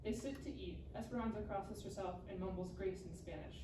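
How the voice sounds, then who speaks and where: At a live table read, a woman reads scripted scene directions in clipped phrases, at medium pitch and a fairly quick pace. The distant mic catches room echo and background noise.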